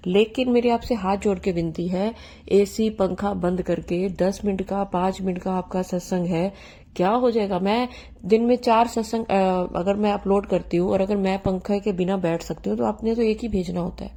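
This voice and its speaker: A woman speaks to her followers in an earnest, pleading way, often restarting her sentences. Her voice is mellow and dark. She talks from her home. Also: mid-range voice, steady tone, moderate pace. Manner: earnest, pleading, repeats herself with many restarts. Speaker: channel host sharing devotees' testimonies. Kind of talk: devotional talk to followers. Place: home room.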